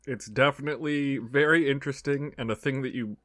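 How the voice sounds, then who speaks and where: A man's voice: mid-range voice, fairly quick, a bit bright, no room sound, clean studio sound. A man co-hosting a podcast, introducing the show with playful, sarcastic banter. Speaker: podcast co-host. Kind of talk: casual chat.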